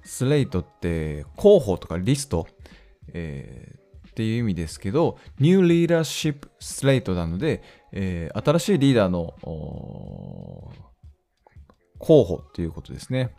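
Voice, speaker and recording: Lively, mellow-voiced Japanese podcast man. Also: low voice, vocal fry, soft background music. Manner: thinking aloud with many hesitant fillers, reads English lines slowly. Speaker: podcast host. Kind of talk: solo podcast, explaining English news vocabulary.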